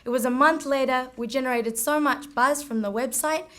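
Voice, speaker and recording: A young woman with a South African accent giving a lively live presentation on stage at an event. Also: high-pitched, moderate pace. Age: young adult. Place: event stage before an audience.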